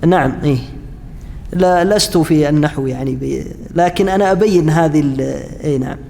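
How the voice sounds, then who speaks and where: A man teaching a class on Quranic interpretation, pausing often with fillers and restarts and asking his students questions. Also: a little high, vocal fry, darkish tone, big-room sound. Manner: halting, frequent fillers and restarts, chats with students. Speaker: Islamic studies lecturer.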